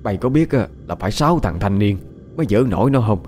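A man's voice: lowish voice, animated, fast, a little mellow, faint music behind, lightly acted. A man doing a bossy old village woman. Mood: urgent.

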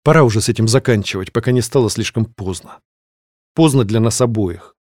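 A man reading a fantasy novel aloud as scripted narration, in a measured, steady way. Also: on the low side, dry recording, clean studio sound. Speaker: audiobook reader.

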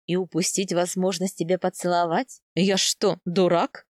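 Easygoing, teasing young groom, low and dry audiobook read; a woman plays him. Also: level tone, moderate pace, dry recording, lightly acted. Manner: bantering, easygoing. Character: young steppe husband, teasing and playful. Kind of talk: audiobook character voice.

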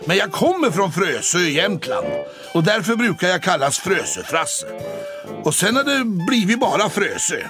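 A man's voice: high-pitched, very animated, over music, pitched above the performer's own voice. A man doing a cheerful, chatty tomcat. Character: cheerful young male ski-champion cat from the north. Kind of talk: audiobook character voice.

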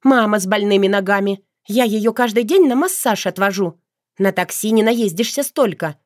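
A woman's voice: mid-range voice, normal speed, no room sound, studio quality, close to an everyday voice. A woman voicing a pleading, clingy woman in an audiobook, speaking in a plaintive, wheedling way. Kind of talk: audiobook character voice.

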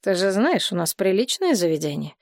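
A woman voicing a curt, disapproving male bartender who talks in a short, flat way, recorded dry and close. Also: medium pitch, fairly quick, dry recording.

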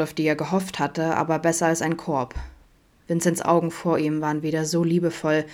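A woman reading an audiobook aloud in a calm, soft, even manner. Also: low-pitched. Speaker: audiobook reader. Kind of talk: audiobook narration.

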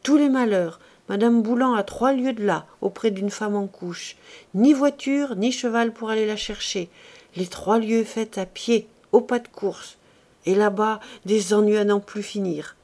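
A woman reading a classic novel aloud as an audiobook, measured and expressive. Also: medium pitch. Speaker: audiobook reader.

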